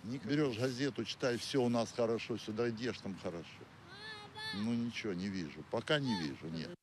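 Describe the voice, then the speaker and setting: A man's voice: lowish voice, a little fast, a little hiss or hum. A man answering a street interview in a blunt, exasperated way. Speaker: passer-by.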